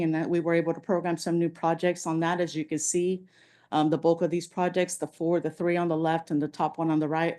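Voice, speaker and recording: A woman gives a slide presentation at a public meeting. Her voice sits fairly low and has a warm, mellow, relaxed tone. She moves through the material steadily, with frequent "um"s and small restarts. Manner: walks through slides with many fillers. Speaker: transportation agency presenter.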